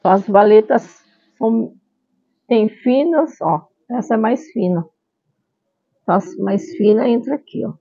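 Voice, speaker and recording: A woman's voice: fairly high pitch, slow, pauses often, dark tone, husky, no echo. A middle-aged woman presenting an explanatory vlog as the channel's host. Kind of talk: explanatory vlog, partly read from a script. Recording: thin phone-like sound.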